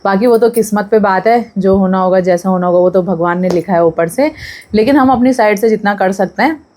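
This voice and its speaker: A woman's voice: medium pitch, brisk, mellow. A young pregnant woman chatting casually to camera in a vlog, talking freely and drifting off topic. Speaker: vlogger.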